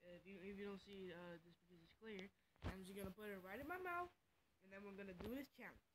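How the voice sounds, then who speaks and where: A vlogger talking casually and haltingly into a phone in a room at home, in an informal, rambling way. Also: medium pitch, noisy background. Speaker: vlogger recording a reaction challenge. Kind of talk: casual vlog talk.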